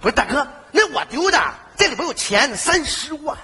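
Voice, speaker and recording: A man's voice: very high-pitched, big pitch swings, sharp tone, heavily acted. A male actor playing a pushy young man after his lost money, bickering and wheedling in a live stage comedy sketch. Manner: wheedling, bickering, quick comebacks. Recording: live stage with audience laughter and noise.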